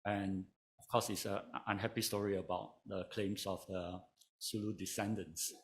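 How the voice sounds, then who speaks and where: A man from Malaysia, giving a measured conference talk as a panel speaker, told like a story with touches of dry humor. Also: sits low, flat delivery. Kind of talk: conference lecture.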